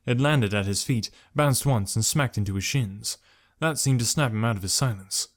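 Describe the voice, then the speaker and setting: A man's voice: mid-range voice, normal speed. Man narrating an audiobook. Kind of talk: scripted narration.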